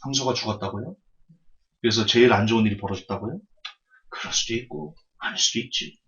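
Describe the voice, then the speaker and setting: A man voicing a calm, wise old sage who answers in measured questions, on a dull lo-fi recording. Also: medium pitch, voice pushed down, lightly acted.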